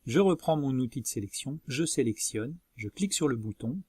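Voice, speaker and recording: A man presenting a software tutorial as a screencast voice-over, explaining methodically step by step. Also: medium pitch, lively intonation, normal speed, husky, dry recording, studio quality. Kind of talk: instructional screencast narration.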